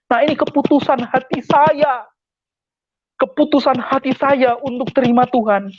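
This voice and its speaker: A man's voice: very high voice, steady tone, normal speed, no echo, lo-fi sound. A man, a pastor, telling his personal testimony in an earnest, emphatic way, often repeating his phrases.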